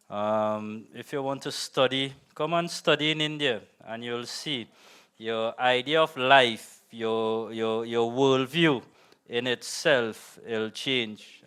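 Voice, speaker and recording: Slow, hesitant man with a smooth voice. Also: mid-range voice, fairly bright tone. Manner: hesitant, with many fillers and restarts. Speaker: professor closing a session. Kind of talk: closing remarks at a talk.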